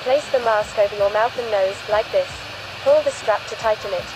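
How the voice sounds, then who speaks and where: A woman playing a polite flight attendant, giving formal, measured scripted cabin announcements in a flight simulator game. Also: mid-range voice, noisy background, lightly acted. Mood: formal, instructive.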